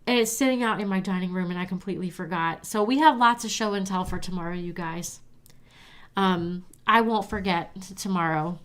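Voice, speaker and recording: A woman's voice: fairly low pitch, brisk, smooth. Stuffy-nosed woman hosting a live stream. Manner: chatty, talks straight to viewers as "you guys". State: stuffy, nasal voice. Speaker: host of a live crafting stream. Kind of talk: live-stream chat, reading viewer comments.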